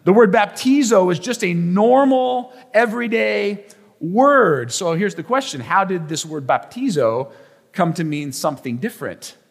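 A man preaching a sermon as pastor, telling stories with playful asides and teaching in an animated way. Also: high-pitched, measured pace, creaky, big-room sound.

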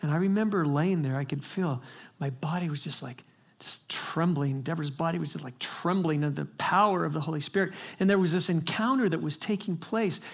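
Older male pastor, slightly raised pitch, dramatic and emphatic sermon storyteller. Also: a little fast. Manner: emphatic, dramatic storytelling with big swings in volume and pace.

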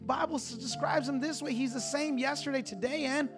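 A man in his forties, a pastor preaching a sermon in a repeating, rising cadence that climbs toward shouting. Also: very high voice, steady tone, brisk, music in the background. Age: 40s. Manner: builds to near-shouting, repetitive preaching cadence.

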